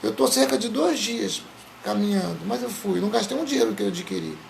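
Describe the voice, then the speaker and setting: A male preacher voicing a poor, devout elderly woman in a soft, subdued tone. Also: sits high, sing-song, fairly quick, vocal fry, a little hiss or hum, heavily acted. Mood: humble, quiet.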